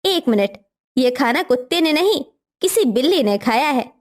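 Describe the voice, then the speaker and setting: A stern mother-in-law from a cartoon story, played by a woman. Her high voice is dropped a little and slowed to a commanding, scolding pace. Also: lively intonation.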